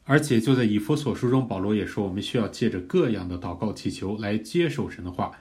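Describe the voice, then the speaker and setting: A man preaching a teaching sermon, earnest and measured, explaining a practice of prayer step by step. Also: fairly low pitch, lively intonation, warm tone. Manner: earnest, measured, rising in fervor during prayed examples. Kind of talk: teaching sermon on pray-reading scripture.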